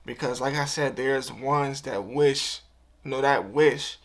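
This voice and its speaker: Unhurried and medium in pitch, a young YouTuber of twenty speaks straight to camera. His vlog is heartfelt and emotional, casual and earnest, laced with slang and repeated phrases.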